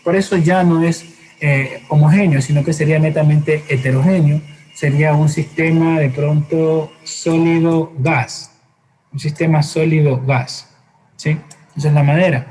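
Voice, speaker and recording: Man teaching a class, slightly high voice. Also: steady tone, measured pace, darkish tone, a little hiss or hum, low-quality recording. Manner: patient, explains with everyday examples and checks in with "¿sí?"; frequent hesitations and self-corrections. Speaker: science teacher. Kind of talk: classroom lecture.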